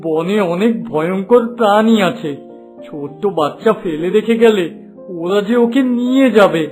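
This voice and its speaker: A man voicing a poor, kind-hearted village father in a cartoon, speaking gently. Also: sits high, lively intonation, normal speed, soft background music. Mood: worried. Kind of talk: cartoon voice acting.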